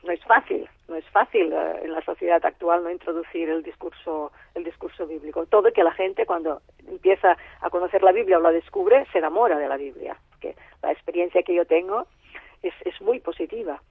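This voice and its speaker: Speaking briskly in a low, gravelly voice with a breathy edge, a Bible translator is interviewed on the radio over a tinny phone line. She explains things thoughtfully, tending to repeat and let sentences trail off, and the recording is dry.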